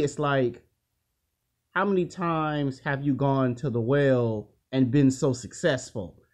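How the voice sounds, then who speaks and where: Rambling man talking college football. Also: mid-range voice. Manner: rambling, excitable, with bursts of shouting. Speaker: YouTube host. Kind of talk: casual sports commentary vlog.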